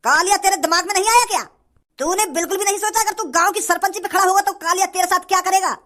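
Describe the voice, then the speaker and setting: A woman's voice: very high voice, fast talker, a bit bright. A woman voicing a boastful, bullying male village bandit in a cartoon, talking in a threatening, bragging way. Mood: menacing. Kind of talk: cartoon voice acting.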